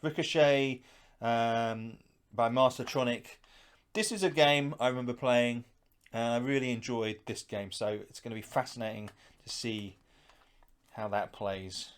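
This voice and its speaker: A middle-aged man hosting a retro gaming unboxing channel speaks a little slowly, his medium-pitched voice steady, clear, and resonant. The commentary is casual and unscripted. He muses aloud as he handles the things in front of him.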